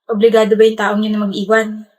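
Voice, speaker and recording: A woman's voice: mid-range voice, monotone, fast talker, a little mellow. A woman acting in a short drama scene, trading sarcastic jabs with an ex. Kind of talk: Filipino short drama dialogue.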